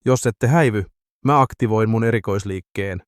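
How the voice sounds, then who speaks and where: A man's voice: lowish voice, dry recording, studio quality, lightly acted. A man voicing an erratic, blustering male drunk in an audiobook.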